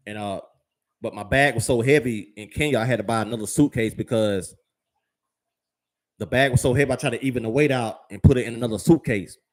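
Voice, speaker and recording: An American travel vlogger gives viewers casual travel advice, rambling with fillers, repeated words, and slang, and calling them "fam" and "y'all." His voice is medium in pitch and fairly quick.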